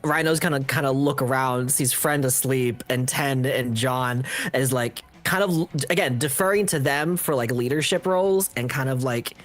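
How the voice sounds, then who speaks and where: A man's voice: mid-range voice, normal speed, soft background music. A man playing in a tabletop game, talking in a casual, loose way about his character's actions. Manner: casual, loose, filler-heavy. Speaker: player. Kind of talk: casual tabletop role-play.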